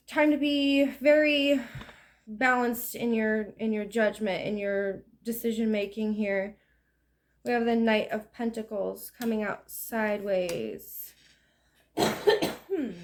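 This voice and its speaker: A woman's voice: on the high side, slight background noise. A woman giving a casual, rambling tarot reading in a chatty, self-deprecating way. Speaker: tarot reader.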